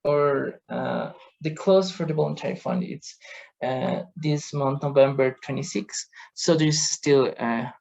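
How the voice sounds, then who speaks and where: A man giving a formal presentation over a video call, halting with many fillers and restarts. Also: a little high, creaky, darkish tone, rough recording. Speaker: presenter from a convention secretariat.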